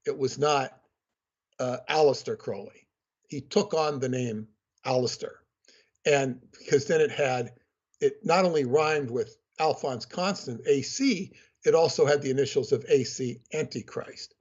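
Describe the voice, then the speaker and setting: A man with a husky, breathy voice explains things in a measured, lecturing way. He speaks as a podcast guest over a remote call. The audio is muffled and lo-fi. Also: medium pitch. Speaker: guest author.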